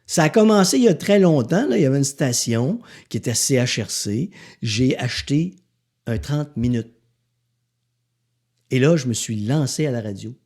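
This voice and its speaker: A man's voice: mid-range voice, lively intonation, moderate pace, a little mellow. A man with a Québécois accent hosting a podcast, speaking bluntly and sarcastically to the listener, with profanity. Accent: Québécois French. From Quebec. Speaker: podcast host. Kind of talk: motivational podcast monologue.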